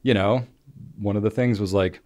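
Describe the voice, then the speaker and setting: A young man with a fairly low voice co-hosts a casual podcast. He tells stories with lively energy and acts out his own lines in quoted voices. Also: normal speed. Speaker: podcast co-host.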